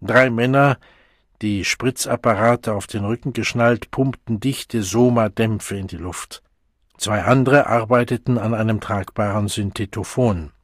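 A man narrating a novel aloud as an audiobook reader, in a measured, deliberate way. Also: lowish voice, husky, no room sound, clean studio sound. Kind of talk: scripted narration.

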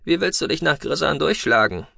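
A brisk starship captain, which a man voices, pushes others with urgent, driving lines. The voice sits a little higher than his narration, and the dry recording keeps it close. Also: expressive, creaky, bright, forceful tone, no room sound, heavily acted. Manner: brisk, urging.

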